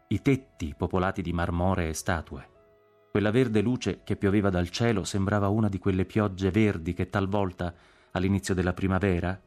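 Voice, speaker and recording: A man narrating a literary audiobook in a measured, expressive reading. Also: low voice.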